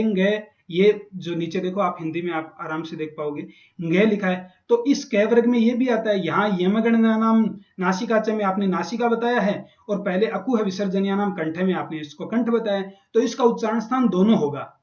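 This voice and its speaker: In a college classroom, a man lectures on Sanskrit grammar, patiently repeating sounds and spelling them out. His voice is high-pitched with a darkish tone, and the recording is echoey and dull.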